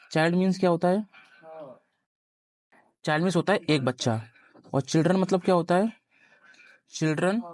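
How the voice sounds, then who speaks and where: A man's voice: a little high, darkish tone, dry recording, clean studio sound. A young man teaching a grammar lesson at a board, explaining step by step and constantly quizzing his students. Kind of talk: classroom grammar lecture at a board.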